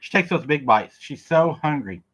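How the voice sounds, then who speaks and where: A man's voice: on the high side, lively intonation, normal speed, a bit bright, husky. A man hosting a casual livestream, joking, laughing and reading viewer comments aloud as he eats. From Oklahoma. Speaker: livestream host. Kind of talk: casual livestream chat while eating.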